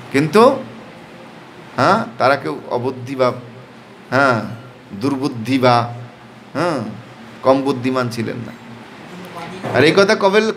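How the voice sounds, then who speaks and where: A man's voice: medium pitch, a little hiss or hum. A man giving a devotional sermon with a Bengali accent, asking rhetorical questions and answering them himself with emphatic "yes", at times leading the crowd in chanting. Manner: leads crowd in call-and-response chanting. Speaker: preacher.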